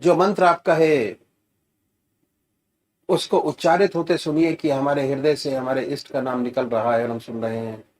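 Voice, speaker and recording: A man giving gentle, soothing guided meditation instructions as a spiritual teacher. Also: medium pitch, steady tone. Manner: slow, gentle, soothing guidance with rising emphasis.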